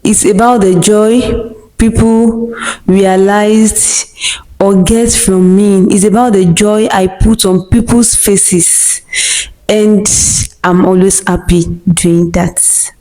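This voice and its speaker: A young Nigerian woman with a Nigerian accent who reads her viewers' questions aloud and answers them slowly and deliberately, with short laughs between answers. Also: medium pitch, fairly even intonation, dark tone, low-quality recording. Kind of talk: scripted question-and-answer monologue.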